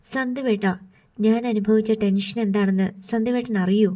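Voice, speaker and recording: An emotional, sharp-tongued young woman, as the woman reading the audiobook voices her, reproachful and teasing in an audiobook romance. Her tone is mellow and warm. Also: medium pitch, steady tone, moderate pace, close to an everyday voice. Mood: upset.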